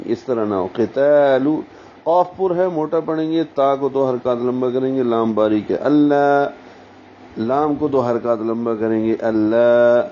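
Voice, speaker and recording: A man teaching Quran recitation, explaining each letter slowly and deliberately, and sounding out syllables as models. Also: mid-range voice, mellow. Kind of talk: tajweed lesson, explaining pronunciation. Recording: dull, slightly muffled sound with faint hiss.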